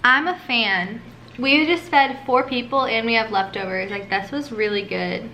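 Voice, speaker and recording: Here a woman vlogs from her home kitchen, tasting as she cooks and chatting casually with frequent "um" and "like" fillers. Her fairly high voice comes across bright and forceful at a normal speed. The room is reverberant, and the low-quality recording carries a little hiss or hum.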